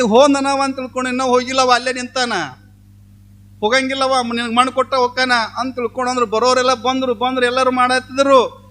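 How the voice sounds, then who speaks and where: A man with a very high, bright and forceful voice tells a comic village tale. He slips into the voices of the wife, the beggar and the landlord as he goes. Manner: animated, acts out voices of villagers. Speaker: swami storyteller. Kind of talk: folk comedy storytelling.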